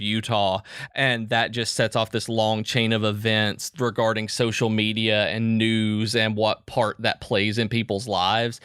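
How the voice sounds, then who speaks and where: Man, podcast co-host, eager rambling chat, crisp tone, no room echo. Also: fairly low pitch, fairly bright tone, studio quality. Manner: enthusiastic, rambling with restarts. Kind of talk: casual chat.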